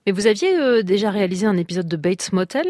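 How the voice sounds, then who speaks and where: A woman co-hosting a radio show, asking questions in a clear, composed way. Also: mid-range voice, expressive, fast talker, darkish tone, no room sound, clean studio sound. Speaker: radio co-host. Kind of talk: radio interview.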